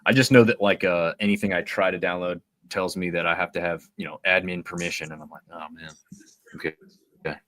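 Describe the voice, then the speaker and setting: A man co-hosting a casual hockey watch-party podcast, chatty and relaxed, explaining things at length. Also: deep voice, fast talker, hardly any pauses. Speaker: podcast co-host.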